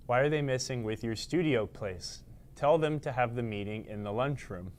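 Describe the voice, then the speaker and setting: A man's voice: medium pitch, a little slow. A man hosting a casual live stream, rambling and joking at his own expense while he fiddles with the camera and lights in a studio space at his workplace. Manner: rambling, self-deprecating, talking to himself while adjusting the camera. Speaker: livestream host.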